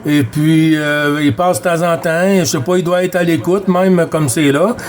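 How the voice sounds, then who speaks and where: A man from Quebec, Canada, a CB radio operator and video host, chats casually and a bit hesitantly from home in a Quebec French accent. His voice is slightly high and steady at a moderate pace, and the home radio-room recording is clearly noisy.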